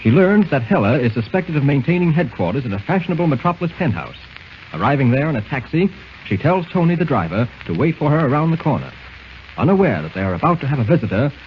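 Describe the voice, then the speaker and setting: A man narrating a 1940s radio serial in a measured storytelling way, heard through an old, dull, faintly hissy radio transcription. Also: a little high. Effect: old 1940s radio broadcast sound.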